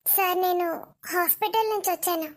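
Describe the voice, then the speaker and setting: A woman voicing a young woman posing as a nurse in an animated family drama, pleading and insistent. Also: extremely high pitch, a little fast.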